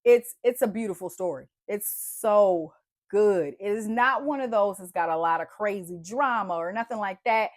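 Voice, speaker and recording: This is a mid-range female voice at normal speed, congested and stuffy, captured dry in a clean studio. The speaker is a book vlogger giving a casual, animated review of favorite books, chatty and fond of saying "y'all" and "like."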